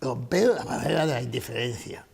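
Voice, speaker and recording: A man's voice: medium pitch, animated, fairly quick, vocal fry, a little mellow, slightly rough. A man giving a conference lecture, emphatic, repeating his key phrases and asking rhetorical questions.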